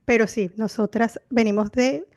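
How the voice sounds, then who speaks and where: Higher-pitched Venezuelan woman chatting. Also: normal speed. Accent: Venezuelan Spanish. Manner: relaxed, reflective, laughs easily. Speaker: podcast co-host. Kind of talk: casual chat.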